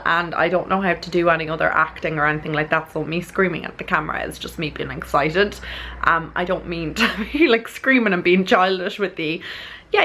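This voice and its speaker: A woman's voice: fairly low pitch, sharp tone, a little hiss or hum. A woman with an Irish accent chatting casually to camera as a vlogger, earnest and rambling, often checking that she makes sense.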